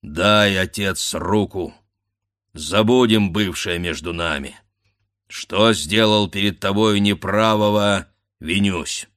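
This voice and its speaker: A man voicing a stern, proud Cossack warrior husband who gives commanding, defiant shouts, in a dramatic audiobook reading. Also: low-pitched, slow. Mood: grave, tender.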